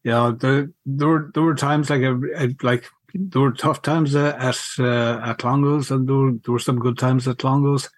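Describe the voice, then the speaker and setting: A middle-aged man, reminiscing casually in a halting, wry way and repeating words as he goes. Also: mid-range voice, fairly even intonation, dry recording. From County Mayo, Ireland. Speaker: podcast guest, school alumnus.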